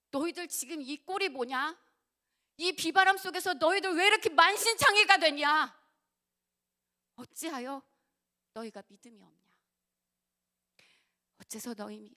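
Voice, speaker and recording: Sermon role: woman voicing a grieved teacher rebuking followers, hushed, bright-toned. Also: heavily acted. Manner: low, hushed rebuke, sometimes whispered. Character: Jesus, a grown man, grieved and rebuking his disciples.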